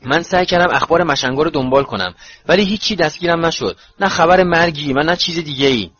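A man's voice: a little high, fairly bright tone, slightly rough, pitched above the performer's own voice. A man voicing an earnest, eager teenage boy in a storybook reading, speaking urgently and directly. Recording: dull lo-fi recording.

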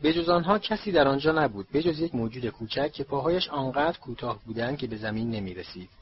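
A man reading a storybook aloud in steady, measured scripted narration. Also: medium pitch, muffled recording, slight background noise. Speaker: audiobook narrator.

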